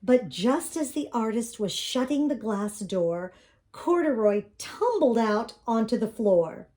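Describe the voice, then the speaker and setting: A woman's voice: on the high side, expressive, slow pace, warm tone. An older woman reading a children's picture book aloud in a sweet, grandmotherly storytelling manner.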